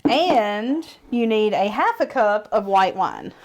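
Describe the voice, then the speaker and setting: A woman's voice: mid-range voice, very animated, slow, darkish tone, slight background noise. A woman with a Southern country accent, chatting casually and laughing easily as she cooks in her home kitchen. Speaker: home cook, co-host. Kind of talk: casual cooking chat.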